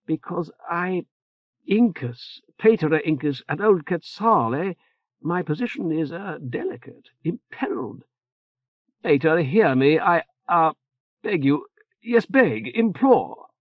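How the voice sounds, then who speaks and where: In a dull, muffled recording with a dry sound, a man voices an anxious older clergyman for an audiobook. He pushes his voice up to a fairly high pitch with lively intonation, and the character fumbles, stammers, hedges and scatters "uh" and "eh?" throughout.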